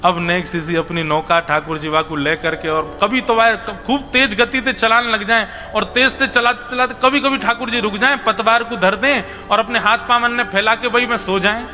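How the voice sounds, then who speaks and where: A man with a Braj accent narrating a devotional story in an animated, explaining way. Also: sits high, normal speed, hardly any pauses. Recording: reverberant hall with music behind.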